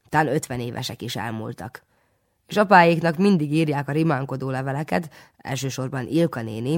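An audiobook narrator reading a first-person children's story with a wry, dry humor. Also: medium pitch.

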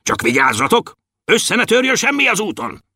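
A man's voice: high-pitched, very animated, bright, forceful tone, slightly rough, no echo, studio quality, voice pushed up, full character voice. A man voicing a bustling male dwarf storekeeper urging others on in a storybook reading. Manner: hurrying, urging.

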